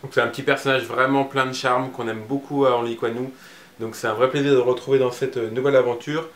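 A man's voice: mid-range voice, flat delivery, quick pace, reverberant, a little hiss or hum. A man presenting and reading a picture book aloud, casual and hesitant with many fillers.

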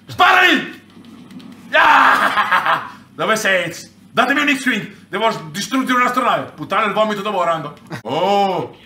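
A man reacting loudly to a virtual reality game, swearing and shouting in excitement. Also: high voice, a little slow, distant mic. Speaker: presenter playing a VR game. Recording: echoey room, voice off-mic.

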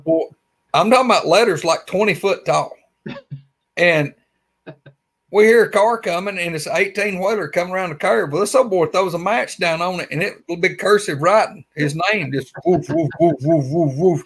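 A man in his forties with a Southern Alabama accent, speaking in a high, breathy-edged voice at a moderate pace, tells a rambling story as a guest on a webcam video call. He's animated and uses lots of fillers in this casual storytelling interview, set in his small indoor man cave.

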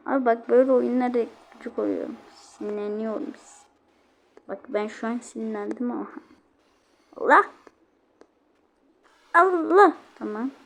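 A woman talking through her own game play as a let's-play host, chatty and exclaiming, quickly annoyed when the game goes wrong. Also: a little high, vocal fry. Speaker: gaming channel host.

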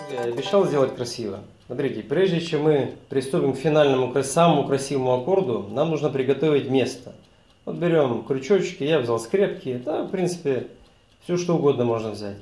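A man's voice: mid-range voice, darkish tone. A man with an Odesa accent hosts a cooking show in voice-over, talking to viewers in a folksy, chatty way. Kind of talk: recipe voice-over narration. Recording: roomy echo.

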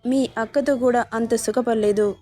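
A woman's voice: fairly high pitch, fairly even intonation, moderate pace, mellow, lightly acted. A woman voicing a scheming, lustful man who preys on his sister-in-law, in a coaxing, leering manner, in a dry storybook reading.

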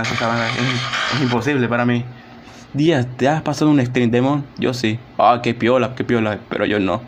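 A man's voice: medium pitch, background noise. A young man streaming a game, chatting casually, mocking himself and groaning and sighing as he plays. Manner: chatty, self-mocking, groans and sighs while playing. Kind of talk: casual live-stream gameplay chat.

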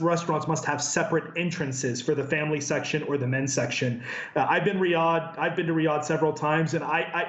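A man in his thirties speaks on a live remote news link, measured and careful, often pausing on fillers and restarting his sentences. His voice sits a little high and sounds roomy. The remote feed is dull and muffled. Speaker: human rights researcher. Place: office with a branded backdrop. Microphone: earpiece and camera video link.

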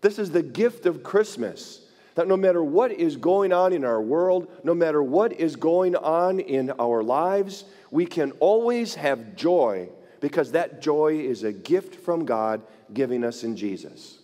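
Male pastor, sermon, higher voice, animated delivery, church reverb. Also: a little slow. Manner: animated preaching with voiced quotes. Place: church sanctuary.

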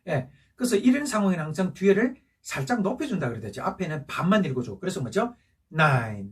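A male Chinese language teacher with a fairly high, darkish, breathy voice gives a patient recorded classroom lesson for seniors, picked up by a distant mic. He goes over each point again and checks in with rising questions.

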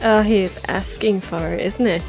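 A woman commentates casually on a game she is playing. Her voice is of middling pitch, with game music clearly behind it. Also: steady tone, moderate pace. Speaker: gamer, channel host. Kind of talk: casual let's play commentary.

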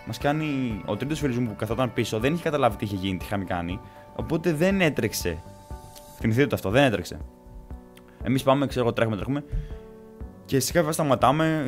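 A man vlogger telling a story from his childhood in a casual, animated way, swearing and acting out scenes. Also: medium pitch. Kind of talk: story time vlog.

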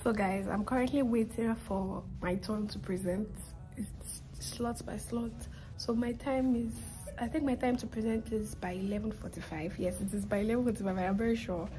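A woman in her twenties chatting straight to her viewers in a casual vlog, telling them about her day. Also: mid-range voice. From not from Canada, studying there. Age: 20s. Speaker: vlogger. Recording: noisy with crowd chatter.

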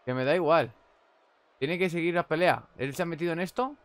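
A young man with a Spanish accent commentating on a wrestling video game. He chats casually and shouts at big moves. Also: a little high, brisk, clean tone. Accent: Spain Spanish. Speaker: gameplay commentator.

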